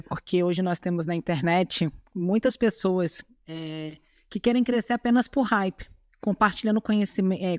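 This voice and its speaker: With a low-leaning, darkish voice, a Chilean woman with a Brazilian Portuguese accent speaks earnestly in a relaxed podcast chat, often adding "sabe?". She is a bodybuilding athlete appearing as a guest, recorded in clean studio sound without echo.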